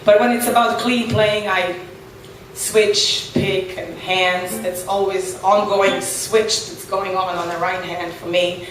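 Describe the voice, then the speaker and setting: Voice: mid-range voice, fairly even intonation, slow pace, fairly bright tone. A blues guitarist from Serbia with a Serbian accent, speaking English as a second language, answering interview questions on a boat in a thoughtful way, with many fillers and restarts. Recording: echoey, far from the mic, faint noise.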